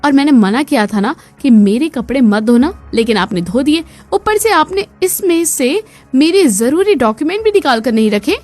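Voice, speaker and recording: A woman's voice: sits high, fairly quick, soft background music, natural voice. Woman voicing a whiny spoiled college girl. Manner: whiny, petulant. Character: spoiled bratty young college daughter.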